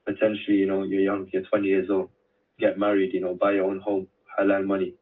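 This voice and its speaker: A man on a sales call asking friendly questions in a quick, even way. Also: low voice. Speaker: sales setter on a phone call. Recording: distant tinny phone-call recording.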